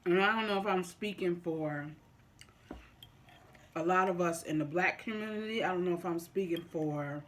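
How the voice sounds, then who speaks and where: A vlogger talking casually and deliberately to viewers, often repeating and rephrasing in a halting way. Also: medium pitch, a bit bright. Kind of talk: casual opinion talk to viewers during a mukbang.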